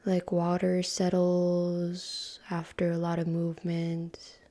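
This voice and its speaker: Leading a guided meditation, a woman speaks in a fairly low, soft and breathy voice. She stays calm and unhurried, slipping into near-whispers and leaving long pauses between phrases.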